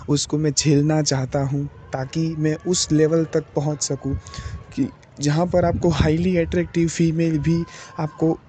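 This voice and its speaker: A young man talking slowly and deliberately in a personal diary vlog, pausing often with fillers. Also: fairly high pitch, dark tone, a little hiss or hum. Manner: slow, deliberate, hesitant with many fillers. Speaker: vlogger.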